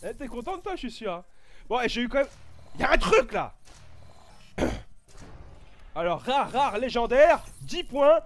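A man doing casual gameplay commentary, excitable, swearing and shouting in bursts, with a stuffy, itchy nose. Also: extremely high pitch, unhurried, pauses often. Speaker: gaming YouTuber.

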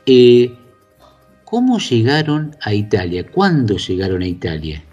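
A man's voice: mid-range voice, big pitch swings, unhurried, a little mellow, breathy edge. A male radio interviewer asking curious questions with short affirming replies. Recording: dull lo-fi sound with faint music.

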